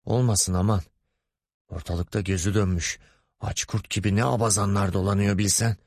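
A man's voice: on the low side, steady tone, normal speed, no echo, clean studio sound. A man voicing a pompous, lecherous middle-aged male boss in an audiobook, wheedling and bossy by turns. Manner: wheedling, grumbling, commanding.

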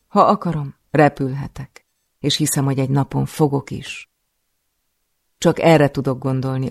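A man narrating an audiobook in a measured, somber first-person reading. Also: medium pitch, vocal fry, a little mellow, no room sound, studio quality.

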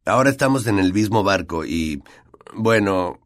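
A man's voice: deep voice, expressive, normal speed, no room sound. A man voicing an earnest schoolboy in an audiobook, formal and apologetic.

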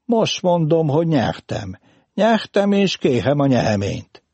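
A man's voice: on the high side, animated, warm tone, breathy edge, no room sound, voice pushed up. A man putting on a cocky kid who garbles r's. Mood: insistent. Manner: mispronounces r as h; recites pompously like a school lesson.

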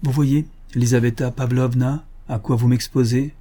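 A man's voice: medium pitch, fairly even intonation, moderate pace, warm tone, natural voice. A man voicing a grave, cold young merchant in an audiobook, speaking severely.

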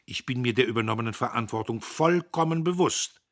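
A man's voice: medium pitch, lively intonation, a little fast, dry recording, studio quality, voice pushed up, close to an everyday voice. A man reading aloud, voicing a pompous, cowardly young man who speaks in a raised, insistent, self-satisfied way. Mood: self-important.

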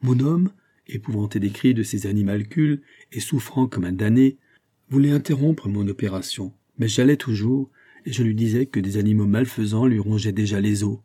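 A man's voice: on the low side, normal speed, warm tone, husky. A man reading as an earnest tipsy surgeon. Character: tipsy provincial male surgeon, earnest rambling dreamer. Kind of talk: audiobook character reading.

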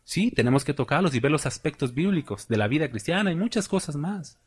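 A man's voice: a little high, expressive, a little fast, slightly rough. A man with a Mexican accent preaching a sermon, emphatic and conversational, asking his congregation questions and slipping in folksy jokes. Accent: Mexican Spanish. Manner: folksy and joking, with colloquial asides.

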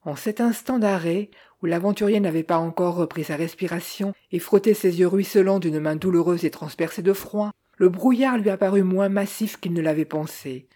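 A woman narrating a novel in a measured, unhurried reading. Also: on the low side, warm tone. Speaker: audiobook narrator. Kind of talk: scripted literary narration.

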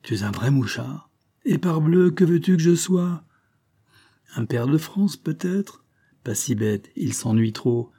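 A man's voice: fairly high pitch, lively intonation, a little slow, mellow, breathy edge, pitched above the performer's own voice, full character voice. A man doing a sly, mocking little police agent. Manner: mocking, teasing. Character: small frail ironic male police agent.

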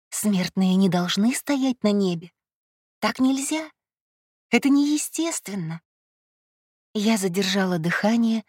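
Woman reading a fantasy story aloud, lowish voice, dry close mic, measured and a bit dramatic. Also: darkish tone, dry recording. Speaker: audiobook narrator. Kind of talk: first-person fantasy audiobook narration.

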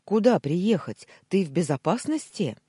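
A man voicing an impatient former boss who barks loud urgent questions in an audiobook. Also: sits high, sing-song, moderate pace, breathy edge, dry recording, studio quality, voice pushed up, heavily acted. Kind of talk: audiobook character voice.

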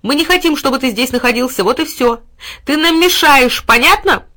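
A woman voicing a young boy who shouts commands in a high, loud voice. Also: fast, natural voice. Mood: bossy. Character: young bossy boy, shouting at his dog.

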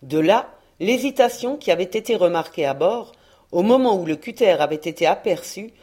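A woman narrating a historical adventure novel in a measured, expressive reading voice. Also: on the low side, slightly rough. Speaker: audiobook reader. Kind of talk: scripted narration.

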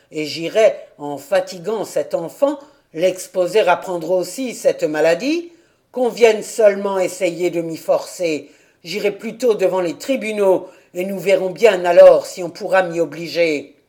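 An audiobook reader voicing a stubborn old mountain grandfather who speaks in a gruff, defiant, loud way. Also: medium pitch, close to an everyday voice. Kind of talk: audiobook character reading.

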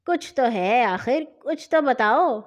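Storybook older brother, young man, teasing and patient, lively delivery, read by a woman narrator. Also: high-pitched. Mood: curious.

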